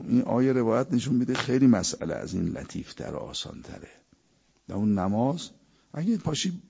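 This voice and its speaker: A man's voice: deep voice, gravelly, mellow, husky, dull audio. A man preaching a sermon, quoting verses in Arabic and telling anecdotes. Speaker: cleric.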